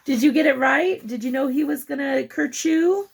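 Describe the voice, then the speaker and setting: Reading a picture book to children, a woman with a high, gravelly voice adds chatty, expressive remarks and asks the young listener questions along the way.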